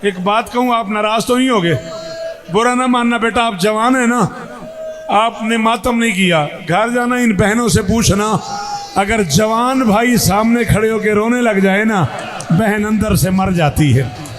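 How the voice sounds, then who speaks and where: Impassioned, high-voiced mourning reciter. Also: male voice, measured pace. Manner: impassioned, lamenting, often shouting to the crowd. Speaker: majlis reciter of mourning narratives. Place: mourning gathering.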